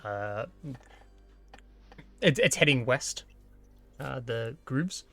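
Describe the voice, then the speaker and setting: An Australian man narrating a tabletop game as game master, casual and halting as he improvises. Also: medium pitch, animated, fairly bright tone, soft background music.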